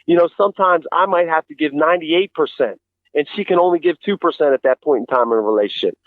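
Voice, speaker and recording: A man's voice: fairly high pitch, fast, no room sound. A middle-aged man speaking as an interview guest, giving earnest, conversational relationship advice and explaining with rhetorical questions. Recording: thin phone-like radio sound.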